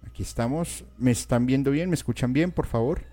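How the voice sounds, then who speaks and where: A man's voice: mid-range voice, fairly quick, mellow. A man, chatting live to his viewers as he comments on a mystery story and speaks to them directly. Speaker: streamer.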